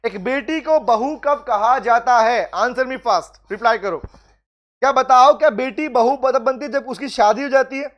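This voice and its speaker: Male law tutor, high voice, live online class, coaxes quick answers from students. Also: a bit bright, lo-fi sound. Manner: calls out students by name, urges quick replies; mixes English legal phrases into talk. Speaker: law teacher. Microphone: video call.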